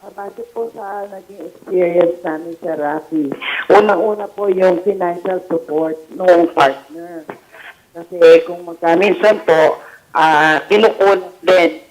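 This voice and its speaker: A woman's voice: on the low side, unhurried, rough recording. A woman with a Filipino accent, a social worker, explaining cases formally and politely. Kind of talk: official remote interview.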